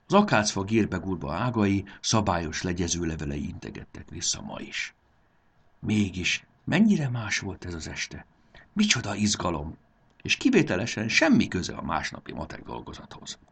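Casting: male storybook narrator, lowish, gravelly, very lively delivery.

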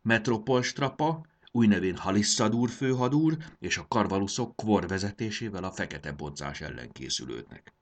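A man's voice: fairly low pitch, animated, hardly any pauses, pitched above the performer's own voice. A man voicing a grave creature counselor who announces war in an audiobook. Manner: solemn, announcing. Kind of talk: audiobook character voice.

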